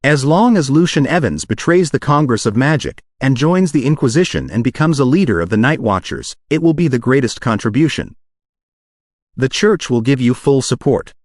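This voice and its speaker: A man's voice: medium pitch, expressive, normal speed, dry recording, clean studio sound, natural voice. A machine-generated male voice reading the lines of a cautious older aunt who advises a young ruler, in a storybook audiobook. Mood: advising.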